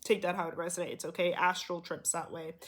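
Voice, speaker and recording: On the low side and fairly quick, this woman's delivery is flat and her voice nasal, as though she's slightly ill. She's a tarot reader giving viewers a reassuring spiritual card reading, often repeating "okay?" and "here".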